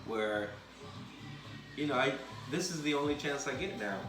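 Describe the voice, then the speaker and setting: A man's voice: mid-range voice, lively intonation, moderate pace. A forty-year-old man chatting casually at a home table, teasing and reflective. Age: 40s. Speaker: co-host, partner. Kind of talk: casual chat. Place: home dining room. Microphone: far camera. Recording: echoey room with music behind.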